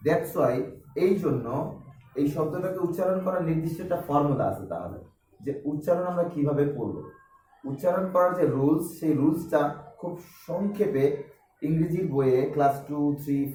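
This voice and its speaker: A man lectures a class, his voice sitting a little higher than most men's. He breaks words into syllables and spells them out slowly, letter by letter. He is recorded from a distance in a roomy, echoing classroom with a faint hiss behind him. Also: expressive, mellow. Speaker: teacher. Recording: echoey room, mic far off, faint noise.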